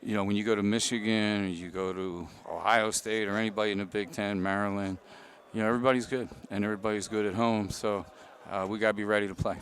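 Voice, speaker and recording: A middle-aged man, a head basketball coach, giving a postgame interview in a halting way, full of "uh" and "you know". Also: on the low side, fairly even intonation, fairly bright tone, poor audio.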